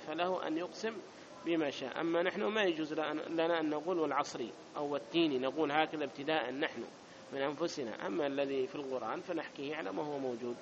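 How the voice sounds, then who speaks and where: A man with a fairly high voice teaches an Arabic grammar class, going over each point again and often asking if his students are following. The audio is dull, with a noisy background.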